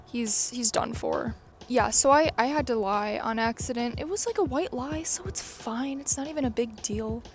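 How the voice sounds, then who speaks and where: A young woman vlogging casually outdoors into a phone, blunt and excitable, swearing freely. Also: a little high, moderate pace. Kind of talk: casual chat to camera. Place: sunny, windy backyard outdoors. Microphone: phone held by hand.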